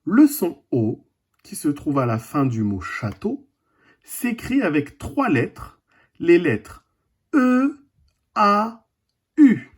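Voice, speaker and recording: Teacher, reading lesson for young children, very slow, breathy, sing-song pitch, repeats words. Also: very animated. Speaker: primary school teacher.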